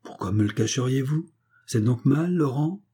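A man reading the lines of a kind, anxious young peasant woman in an audiobook, lifting his pitch slightly and asking gentle questions. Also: animated, normal speed, husky. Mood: concerned.

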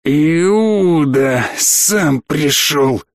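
Guy doing a growly hoarse colonel, slow and mean, dry close sound. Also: fairly high pitch, lively intonation, no echo. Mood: menacing. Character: furious male colonel, menacing and brutal.

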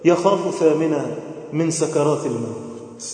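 Egyptian preacher in a booming hall. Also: male voice, moderate pace. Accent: Egyptian Arabic. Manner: emotive, swings between loud chanting and soft pleading. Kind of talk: sermon. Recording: booming echo with long hall reverb.

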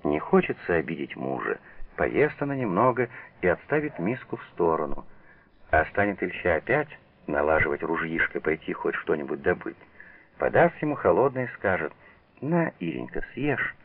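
A deep, gravelly man reads a novel aloud for radio, measured yet expressive, with a pitch that rises and falls widely. The sound is narrow and tinny, like an old broadcast heard over a phone line. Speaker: narrator. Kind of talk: literary reading for radio.

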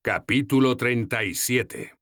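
A man narrating a first-person audiobook in a wry, measured way. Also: medium pitch, a bit bright, dry recording, studio quality.

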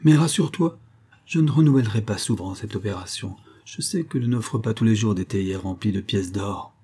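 A man's voice: on the low side, fairly quick, warm tone, slightly rough. A man reading aloud and voicing a cheerful, scheming male rogue in a mocking, wheedling manner.

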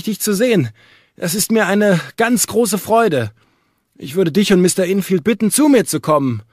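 A man's voice: sits high, no room sound, clean studio sound, pitched above the performer's own voice, full character voice. A man voicing a sick, despairing middle-aged doctor who pleads in a raised, strained voice.

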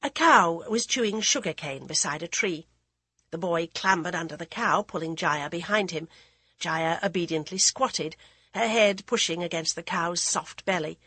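Husky woman reading a storybook. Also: normal speed, bright, forceful tone, no room sound. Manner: voices characters with raised pitch. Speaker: audiobook narrator. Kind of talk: scripted storybook narration.

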